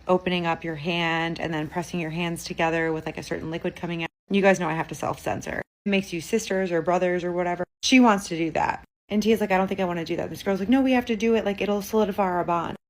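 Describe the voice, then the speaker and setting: A woman's voice: fairly low pitch, steady tone, fast talker, hardly any pauses, poor audio. A woman narrating a spooky story in a casual, chatty way, full of filler words. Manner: chatty, lots of "like" fillers, acts out quoted lines.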